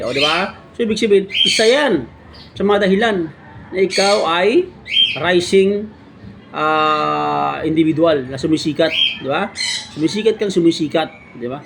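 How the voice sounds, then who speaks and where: Male vlogger, high voice, mock-preachy sarcastic monologue, background noise and birds. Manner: sarcastic, keeps asking "di ba?". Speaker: motovlogger.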